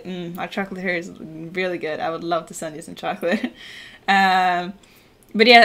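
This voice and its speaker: A woman from Norway with a medium-pitched voice chats casually while streaming a game from a room in her home. She's relaxed and talkative, says "like" a lot and swears casually, and soft game music plays underneath.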